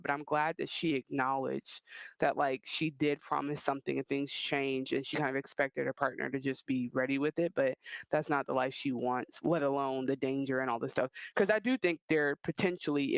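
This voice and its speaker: A man co-hosting a podcast, talking in a casual, animated and rambling way with quick restarts. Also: medium pitch, vocal fry, dry recording, poor audio. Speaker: podcast co-host. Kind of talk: casual chat.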